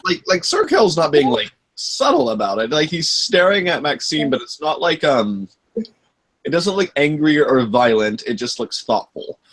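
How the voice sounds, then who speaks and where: Man, game storyteller, husky voice, lively pitch, hesitant. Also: moderate pace, poor audio. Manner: hesitant, many ums and likes. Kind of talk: running a tabletop game.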